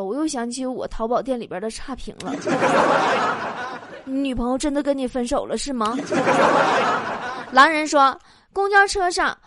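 A woman's voice: high voice, very noisy. A woman hosting a comedy show, reading out listener jokes with her own comments, laughing often and acting out the quoted lines. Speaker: host.

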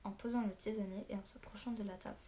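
A woman narrating a story in a steady, measured reading voice. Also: mid-range voice, slight background noise. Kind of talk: audiobook narration.

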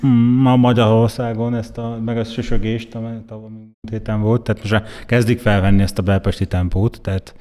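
A man's voice: fairly low pitch, level tone, few pauses, mellow, in a large hall. A man co-hosting a casual chat show, joking and swearing offhandedly. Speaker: co-host. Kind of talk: casual banter.

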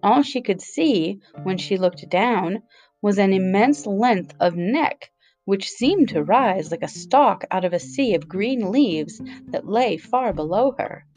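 A woman narrating a children's story aloud in an expressive, storytelling way. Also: mid-range voice, slow, soft background music, poor audio.

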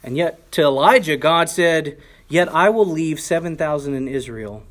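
A male pastor preaches a sermon in a fairly high, slightly bright voice at a moderate pace. He's earnest and conversational, makes asides to the congregation, and his voice rises emphatically when he quotes scripture.

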